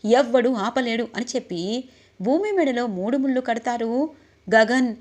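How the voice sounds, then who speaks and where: A woman's voice: fairly high pitch, animated, unhurried, darkish tone. Woman recapping a drama story.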